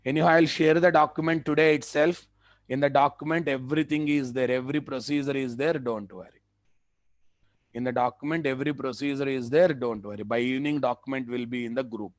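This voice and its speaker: This is a man with a Telugu Indian accent teaching software live, stressing points by repeating them and making sure the students follow along. His voice sits at a medium pitch, with no echo in the recording.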